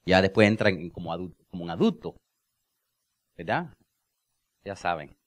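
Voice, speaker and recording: A man preaching a sermon as pastor, with joking asides, laughter and slow, drawn-out phrases for emphasis. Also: low-pitched, big pitch swings. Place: church.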